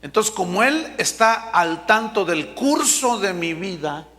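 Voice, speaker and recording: A man delivers a sermon in a high, ringing voice. He preaches emphatically and draws out the words he wants to stress. His voice carries a long reverb, as if spoken in a big hall. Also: big pitch swings, a little slow, a bit bright. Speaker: pastor.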